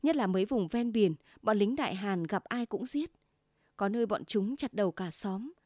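A woman's voice: mid-range voice, animated, normal speed, a little mellow, no echo, clean studio sound, close to an everyday voice. A woman voicing a hot-tempered middle-aged husband who smokes and lectures his wife, with a grumbling manner. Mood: grave.

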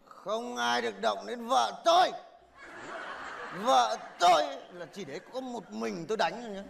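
A man's voice: extremely high pitch, lively intonation, unhurried, vocal fry, a bit bright, a little hiss or hum, heavily acted. A man acting a defiant young son-in-law who talks back to his father-in-law in a stage comedy sketch.

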